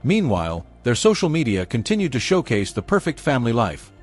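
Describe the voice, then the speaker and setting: A man's voice: medium pitch, huge pitch swings, brisk. A man narrating a scripted true crime story in a dramatic storytelling manner, leaning on short emphatic phrases. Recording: voice over background music. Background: music.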